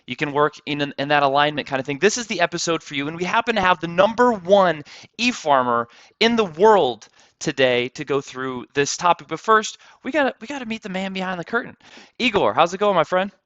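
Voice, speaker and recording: A man hosting a business interview show, talking in a hyped, fast way and often repeating words. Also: on the high side, animated, a bit bright, dry recording, dull audio. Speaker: podcast host. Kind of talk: energetic interview intro and chat.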